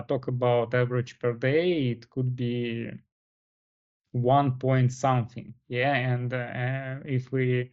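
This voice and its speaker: Male case interviewer, formal and deliberate, unhurried pace with frequent pauses, medium pitch, dull lo-fi recording. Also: darkish tone, clean tone. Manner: deliberate, pausing often mid-sentence.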